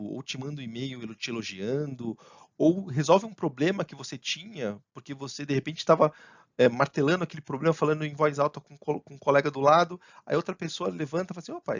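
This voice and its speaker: A man presents a talk at a tech conference. His voice sits at an ordinary middle pitch and sounds dry and close, with a slightly dull, muffled tone. He speaks with restarts and fillers and lifts his voice sharply when he acts out what colleagues say. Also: dry recording. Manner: animated, acts out colleagues' lines in a raised voice.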